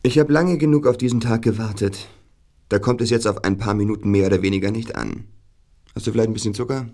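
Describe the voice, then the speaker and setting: A man's voice: lowish voice, fast talker, warm tone, lightly acted. An actor playing a vengeful male blackmailer in an audio drama, theatrical in delivery. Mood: cold, demanding. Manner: menacing, theatrical.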